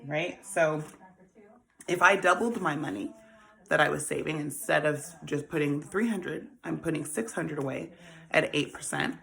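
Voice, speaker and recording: A fortysomething woman with a low, gravelly, slightly bright voice hosts a casual talk on saving money at a moderate pace. Chatty and often laughing, she refers to her listeners as honey and baby.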